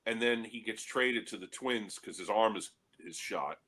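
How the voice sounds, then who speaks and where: Panel guest, man, low-pitched and bright, chuckling storyteller. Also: normal speed, husky. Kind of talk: casual panel discussion.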